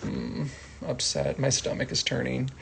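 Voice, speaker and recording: A man teaching a casual sign language lesson, speaking softly and acting out short example phrases. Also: mid-range voice, big pitch swings, gravelly, slightly rough. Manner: slow, soft-spoken, acts out example phrases.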